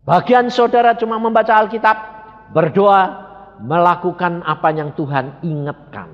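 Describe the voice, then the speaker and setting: A man's voice: high voice, normal speed, highs cut off. A male pastor, preaching a sermon and putting rhetorical questions to the congregation in a large church hall. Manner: animated, rising to emphatic peaks, rhetorical questions to the congregation.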